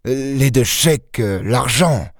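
A man's voice: medium pitch, animated, slow, dry recording, studio quality, pitched above the performer's own voice. A man reading an audiobook and voicing a desperate, cornered safecracker who talks in a blunt, clipped, resentful way. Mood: greedy, furious.

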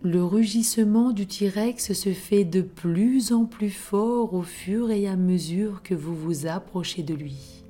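A woman narrating a bedtime story for children in a soft, hushed manner, often dropping into a whisper. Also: medium pitch, takes it slowly, few pauses, soft background music.

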